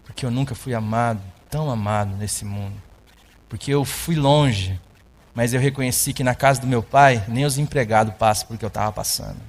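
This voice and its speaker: A male pastor telling a story in a sermon, animated, with sound effects and voiced dialogue. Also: medium pitch, normal speed.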